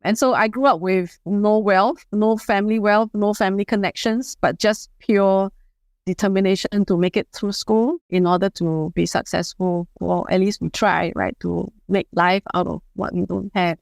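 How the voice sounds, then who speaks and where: A woman in her fifties from Singapore, speaking as a guest in a podcast interview, measured and advisory, often saying "you know". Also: medium pitch, fairly even intonation, creaky, dry recording. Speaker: guest, HR leader and board member.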